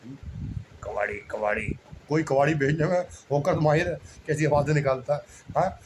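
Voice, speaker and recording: Brisk and on the high side, a man's voice comes through poor audio with a little hiss or hum. He is a religious speaker giving a rambling, casual monologue, modest and self-deprecating, repeating points and frequently calling the listener "bhai sahab."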